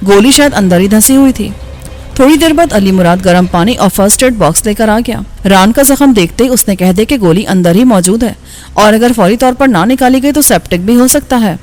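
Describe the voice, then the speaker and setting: A woman narrating an action novel as an audiobook, in a steady storytelling voice. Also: fairly high pitch.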